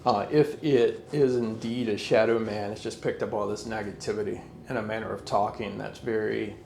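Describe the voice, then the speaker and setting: A man's voice: on the low side, fairly even intonation, moderate pace, gravelly, a little mellow, slight background noise. Firm man addressing a spirit, echoey. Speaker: paranormal investigator.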